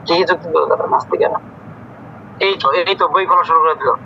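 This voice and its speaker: Man, strict teacher, scolding, forceful, muffled call audio. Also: fairly high pitch, fast, gravelly, slight background noise. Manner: strict, scolding, quizzes students. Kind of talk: online scripture class.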